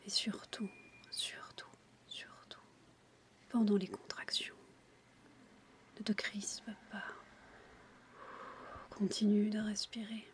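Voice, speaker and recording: A woman guiding a relaxation in a breathy, intimate ASMR whisper, soothing and addressing the listener directly. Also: mid-range voice, little pitch movement, takes it slowly, pauses often. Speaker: relaxation guide for childbirth.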